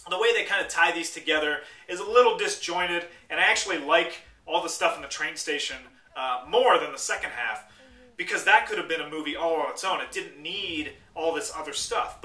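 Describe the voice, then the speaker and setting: Sarcastic, bright-voiced male film reviewer. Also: fairly high pitch, lively intonation, brisk. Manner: sarcastic, blunt, profane. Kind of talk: casual spoken film review. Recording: echoey room, distant mic.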